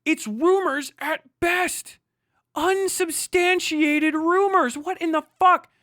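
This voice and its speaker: Slow and sharp-toned, a man with a very high voice hosts a livestream and reacts to a clip with heated commentary that's profane, mocking and combative. There's no echo, just clean studio sound.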